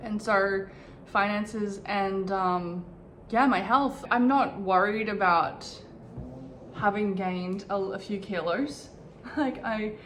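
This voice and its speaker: A woman in her twenties speaks slowly and thoughtfully, taking her time in a candid, reflective personal vlog. Her pitch sits in the middle range, neither high nor low. Faint room ambience hums behind her at home. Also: a bit bright, echoey room, slight background noise. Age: 20s. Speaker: vlogger. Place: bedroom in her new home.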